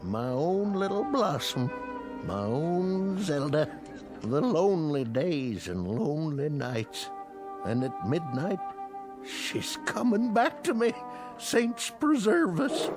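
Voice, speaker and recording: A man's voice: on the high side, very animated, slow. An actor playing a sentimental, lovelorn Old West townsman in old-time radio drama style, wistful and exclamatory. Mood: yearning, awed. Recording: loud music under the voice.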